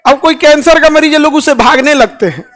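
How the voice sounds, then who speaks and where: High-voiced man with a Bihari accent. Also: brisk. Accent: Bihari Hindi. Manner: lively, joking, rhetorical questions to the crowd. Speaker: teacher and public speaker. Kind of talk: informal talk to an audience.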